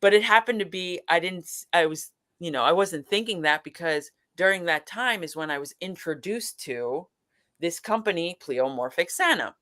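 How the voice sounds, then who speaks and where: Animated woman telling a story. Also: on the low side, moderate pace. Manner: animated, acts out quotes, many restarts. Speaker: guest. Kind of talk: casual storytelling chat.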